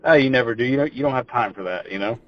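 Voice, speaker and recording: Rapid-fire and mid-range, the voice belongs to a Texan man in his twenties guesting on a podcast. He rambles casually through his story and repeats words when beginning phrases, on dull lo-fi audio.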